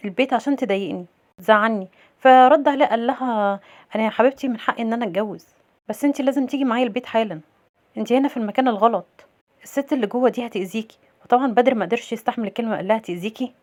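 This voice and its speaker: A woman with an Egyptian accent casually recapping a drama episode, retelling each scene and quoting the dialogue in an even voice. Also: a little high. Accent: Egyptian Arabic. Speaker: series recap narrator.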